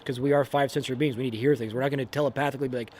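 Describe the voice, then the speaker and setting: Young man, podcast co-host, animated casual delivery with acted-out quotes. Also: medium pitch, racing. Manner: animated, acts out quotes, says man and dude a lot. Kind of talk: casual faith and motivation chat.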